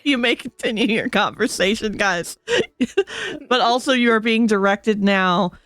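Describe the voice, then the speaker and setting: A woman acting as game master of a streamed tabletop game, playful and quick to laugh, with halting restarts. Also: on the high side, big pitch swings, a bit bright, no room sound, clean studio sound, faint music behind.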